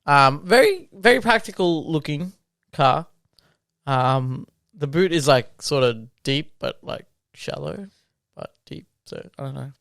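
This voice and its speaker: A man's voice: a little high, animated, measured pace, gravelly, a bit bright, no room sound, studio quality. A man co-hosting a car podcast, chatting casually and enthusiastically, rambling with fillers. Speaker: podcast co-host. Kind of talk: casual chat.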